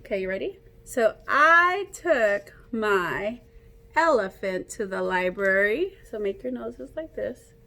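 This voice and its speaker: At a slow pace and medium pitch, with some vocal fry, a woman reads a picture book aloud to children. She sounds like a teacher, animated and playful, coaxing the kids to take part.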